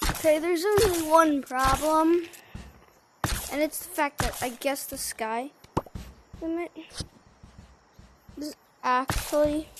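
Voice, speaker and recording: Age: unknown. Sex: woman. Pitch: high. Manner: rambling, chatty, self-correcting. Style: casual gameplay commentary. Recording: noisy game capture. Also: slow pace, pauses often. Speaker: gaming video creator.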